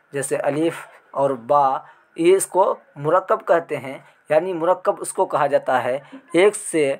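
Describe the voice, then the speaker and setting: Man teaching a grammar lesson. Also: fairly high pitch. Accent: Indian Urdu. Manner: explains step by step, recites letters one by one, asks the class questions. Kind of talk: exam prep grammar lesson.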